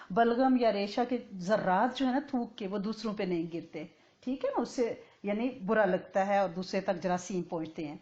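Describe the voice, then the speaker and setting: A woman teaches a religious lesson in a conversational way, often pausing to ask "right?" and chanting Arabic phrases slowly and clearly. Her voice sits at a middle pitch for a woman. The recording sounds dull and lo-fi. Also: darkish tone. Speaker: Islamic teacher.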